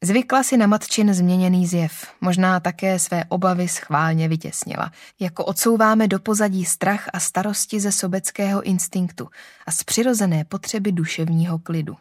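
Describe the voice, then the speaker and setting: Woman reading an audiobook, calm and steady, dry close mic. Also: on the low side, no echo. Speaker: audiobook narrator. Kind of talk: scripted narration of a novel.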